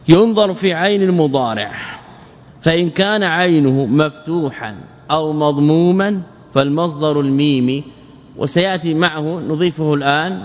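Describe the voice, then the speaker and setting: A man teaching a morphology lesson, asking his listeners questions, answering them himself and stretching out word patterns slowly. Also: a little high, long reverb tail. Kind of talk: classroom lesson explaining a verse text.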